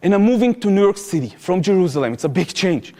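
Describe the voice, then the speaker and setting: A man's voice: high-pitched, very animated, quick pace, warm tone. Impassioned Israeli man lecturing in a hall. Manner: impassioned storytelling, urgent warnings. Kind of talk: public lecture. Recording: echoey hall with long reverb.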